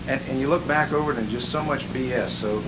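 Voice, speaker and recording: A man telling a seminar testimonial as an animated storyteller who chuckles at his own jokes. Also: medium pitch, fast talker. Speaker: seminar attendee giving a testimonial. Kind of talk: spoken testimonial. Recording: hissy background noise.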